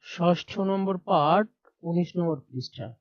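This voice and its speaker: In an unhurried voice on the high side, a man teaches primary students via screen share, breaking a textbook lesson into steps and repeating letter sounds aloud. The audio has no echo and sounds lo-fi.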